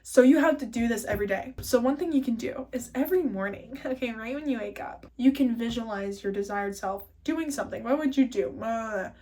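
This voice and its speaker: Woman, slightly high voice, excitable and foul-mouthed, chatty self-help vlogger. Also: brisk, few pauses. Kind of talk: casual spoken lesson.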